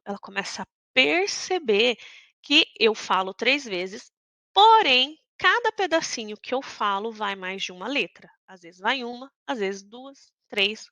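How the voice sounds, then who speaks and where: Brazilian woman teaching literacy, bright fairly high voice, dry close sound, keeps asking "tá?". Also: no echo. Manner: explanatory, checks in with "tá?". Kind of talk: teaching lesson.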